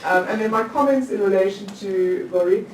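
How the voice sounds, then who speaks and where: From the floor of a conference hall, a woman in her thirties who lectures in law poses a long, chatty question to the panel, with many restarts and small self-directed laughs. She speaks at normal speed in a mid-range voice, picked up by a distant mic in an echoey hall with faint noise.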